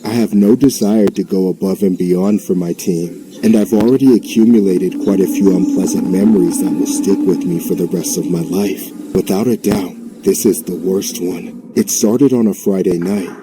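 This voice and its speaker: Deep-voiced man narrating a horror story. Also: low-quality recording. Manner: measured, steady first-person storytelling. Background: music.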